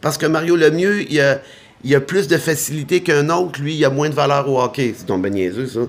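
A man's voice: on the high side, a little fast. A man with a Quebec French accent, a comedian giving frank opinions in a conversation over a meal. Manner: blunt and opinionated, emphatic. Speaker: comedian guest.

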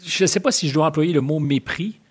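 Male host-interviewer; husky, polite, measured, formal questioning. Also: on the high side.

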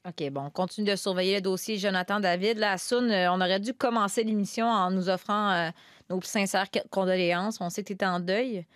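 A woman's voice: medium pitch, fairly even intonation, a little fast, no room sound, clean studio sound. A woman with a Quebec French accent hosting a soccer panel, playful and teasing. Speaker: host. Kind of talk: casual panel talk.

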